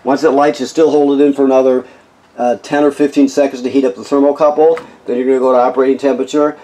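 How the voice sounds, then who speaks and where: Talking fast in a level, mellow, medium-pitched voice, an RV walkthrough technician guides viewers through a travel trailer, inside and around it. The recording quality is low, and his casual instructions explain features plainly while he regularly confirms he's being followed.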